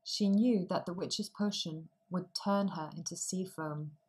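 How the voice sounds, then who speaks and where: Slow, clear woman reading a fairy tale. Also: fairly low pitch, a little mellow, low-quality recording. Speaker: storyteller. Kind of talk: storybook narration for language learners.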